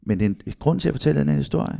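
Animated middle-aged storyteller man. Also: on the high side, creaky. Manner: animated storyteller who acts out quotes in shifting voices. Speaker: guest telling stories. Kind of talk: casual podcast chat.

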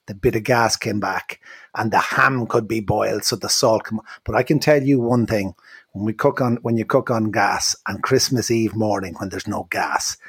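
A man's voice: lowish voice, breathy edge, dry recording. An Irish-accented man casually telling a rambling story in conversation. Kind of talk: casual storytelling in group chat.

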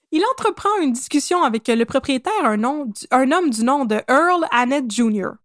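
A woman's voice: sits high, lively intonation, normal speed, no room sound, clean studio sound. A woman with a Québécois accent telling a history story on a podcast in a playful, casual way, laughing and correcting herself as she goes. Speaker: podcast co-host.

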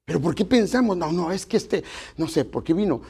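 Man, pastor, middle-aged, gravelly, lively pitch, folksy sermon. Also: brisk. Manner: folksy, addresses congregation as brothers, mixes jokes with preaching.

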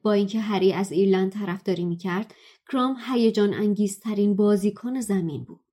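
A woman narrating a novel excerpt in a steady, measured storytelling voice. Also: medium pitch. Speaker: guest reader.

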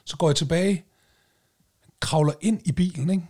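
A man co-hosting a podcast, telling a story in a casual, animated way, swearing and loudly acting out what people said. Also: fairly high pitch. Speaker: podcast co-host.

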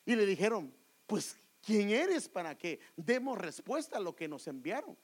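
High-voiced preacher man, hushed to fervent. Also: sing-song, moderate pace, breathy edge, low-quality recording. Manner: addresses listeners as brother, swings from hushed whispers to loud fervent climaxes. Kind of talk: sermon.

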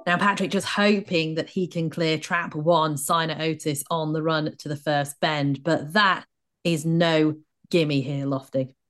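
A woman's voice: low-pitched, steady tone, unhurried, fairly bright tone, soft background music. A woman hosting a betting podcast, steadily guiding the discussion between her guests. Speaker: podcast host. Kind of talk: casual betting chat.

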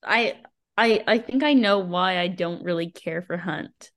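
A woman with a lowish, unhurried voice co-hosts a book podcast, sharing her opinions casually. Her talk is informal and exclamatory, sprinkled with frequent "like."

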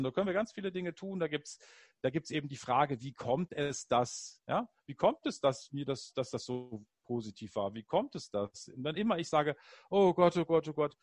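A man in casual conversation, telling personal stories in an animated, upbeat way. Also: mid-range voice, no echo, clean studio sound.

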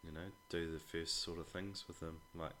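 Aussie bloke, deep voice, super casual podcast chat, bit sweary, faint hum in the background. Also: male voice, level tone, normal speed, a bit bright. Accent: Australian. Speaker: podcast guest, a father talking about his children. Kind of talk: casual conversation.

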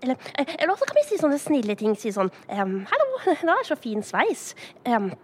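A woman's voice: high voice, wildly swooping pitch, a little hiss or hum. A woman voicing a sweet, naive young male animal in a children's audio play, earnest and hesitant. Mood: timid.

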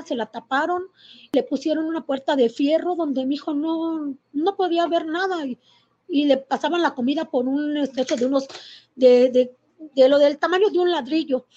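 A middle-aged woman speaks with a Mexican accent in a high, mellow voice. She tells her story haltingly and with feeling, full of fillers and restarts. The recording is muffled and lo-fi. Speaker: interviewee. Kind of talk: personal testimony.

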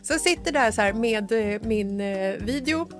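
A woman hosting a podcast in casual chat, an animated storyteller who acts out dialogue and swears freely. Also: fairly high pitch, music in the background. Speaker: podcast host.

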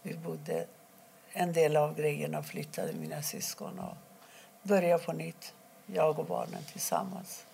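A middle-aged woman from Iran, telling her own story in an interview, quietly and haltingly, with many pauses. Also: low-pitched, big pitch swings, gravelly, slight background noise. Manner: halting, quiet and emotional, pausing often. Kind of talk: personal testimony interview.

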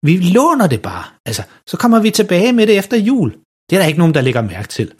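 A scheming, boastful dad, voiced by a man reading a story, eager and wheedling as he talks his children round. The voice is slightly husky. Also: high-pitched, wildly swooping pitch, voice pushed up, heavily acted.

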